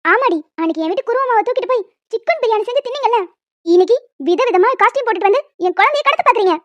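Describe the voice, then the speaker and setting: A woman voicing a hot-tempered cartoon housewife who scolds in harsh, shouting tirades. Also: extremely high pitch, very fast, no echo, muffled recording. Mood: angry. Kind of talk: animated cartoon voice acting.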